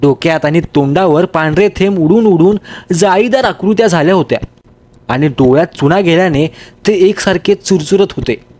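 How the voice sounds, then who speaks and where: A man reading a story aloud in a steady, measured way. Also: high voice. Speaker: story reader. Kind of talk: storybook narration.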